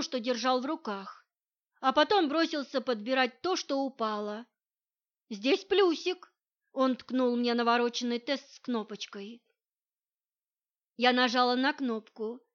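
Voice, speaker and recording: A woman narrating a story in the first person in a steady, even reading voice, recorded with dull lo-fi audio. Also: a little high.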